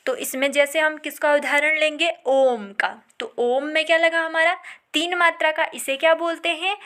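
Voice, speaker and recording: A woman teaching a lesson, who asks the class questions and answers them herself, and draws out vowel sounds slowly as examples. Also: high-pitched, bright, forceful tone. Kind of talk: classroom lecture.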